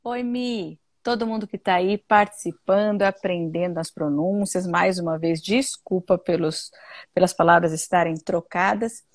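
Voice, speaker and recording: A woman's voice: fairly low pitch, unhurried, dry recording. A woman with a Brazilian accent hosting a casual live English lesson, chatting with viewers and mixing English words into her Portuguese.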